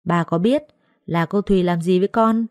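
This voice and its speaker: A woman's voice: on the low side, normal speed, a little mellow, no echo, clean studio sound, natural voice. A woman voicing a stubborn, defiant young servant girl who talks back to her masters. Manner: defiant, mocking.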